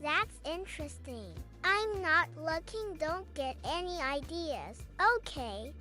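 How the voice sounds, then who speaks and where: A high-pitched text-to-speech voice of a woman, reading viewers' messages aloud in a flat, mechanical cadence. Music plays clearly underneath the reading. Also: takes it slowly. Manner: flat, even machine reading of chat messages. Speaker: text-to-speech chat reader. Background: background music.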